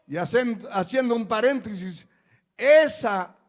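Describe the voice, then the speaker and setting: High-voiced pastor preaching slowly, shouting. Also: male voice, lively intonation. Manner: moves from quiet, low talk to shouted exhortation. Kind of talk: sermon.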